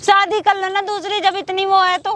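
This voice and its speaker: A desperate young married woman, played by an actress, pleads and protests again and again. Her voice is very high and bright, with an edge to it. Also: little pitch movement, normal speed. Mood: pleading. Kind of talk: short-film drama acting.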